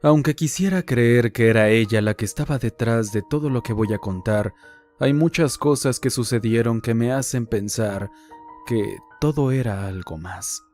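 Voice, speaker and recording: A man narrates real-life horror accounts in a measured, hushed delivery. His voice sits at an ordinary middle pitch, and faint music plays underneath. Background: faint background music.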